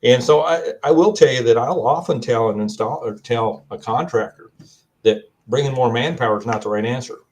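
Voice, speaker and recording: Give me a man with a Kentucky accent explaining things calmly on a video call. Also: mid-range voice. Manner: measured, storytelling, quotes advice he gives. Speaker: guest. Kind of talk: casual panel discussion.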